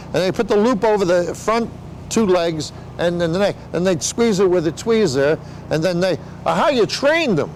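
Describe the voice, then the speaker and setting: An older man, a veteran sideshow talker, explains the flea circus in a casual interview, full of rambling showman patter and joking asides. His voice sits high and is animated at a moderate pace, on a rough recording with slight background noise.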